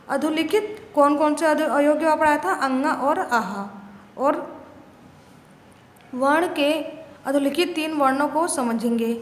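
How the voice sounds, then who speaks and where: A woman teacher giving a grammar lesson to young pupils, often asking a question and answering it herself. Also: high voice. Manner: asks questions and answers them herself, repeats "ठीक है ना". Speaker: school teacher. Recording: echoey room with long reverb, faint noise.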